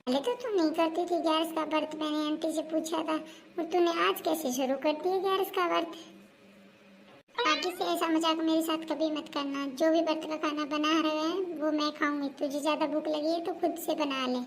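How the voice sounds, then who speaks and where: A woman's voice: high-pitched, fairly even intonation, normal speed, a little hiss or hum. A woman voicing an assertive elder daughter-in-law who argues insistently for equal rules in a comedic family skit. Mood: stern. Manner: argumentative, insistent.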